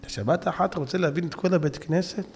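A man giving a Torah sermon, telling a story with emphatic build-ups and sudden shouting peaks, and addressing the audience directly. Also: on the high side, long reverb tail, a little hiss or hum. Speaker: rabbi preacher.

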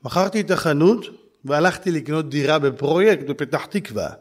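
Animated man telling a sermon story. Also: a little high. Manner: animated, exclaiming, addresses listeners directly. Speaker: yeshiva preacher.

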